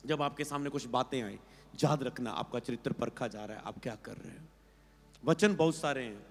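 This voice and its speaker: A man preaching a sermon as a pastor, swinging between loud emphatic outbursts and quiet asides and often asking if the congregation understands. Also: fairly high pitch. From India. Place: large church hall. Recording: long hall reverb.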